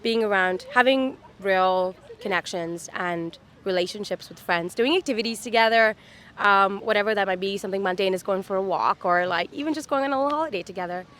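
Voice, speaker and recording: Her mid-range voice is brisk and a bit bright as this Dubai woman in her thirties chats upbeat during a street interview. The casual talk, full of fillers, happens outdoors on a city street.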